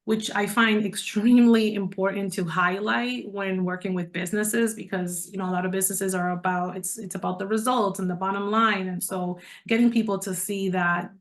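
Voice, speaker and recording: A middle-aged woman from the Dominican Republic speaks at a mid-range pitch, talking straight to her listeners as she presents a coaching program. She stays conversational and persuasive. The sound comes through a video call. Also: fairly even intonation, normal speed, hardly any pauses. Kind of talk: online presentation to a group.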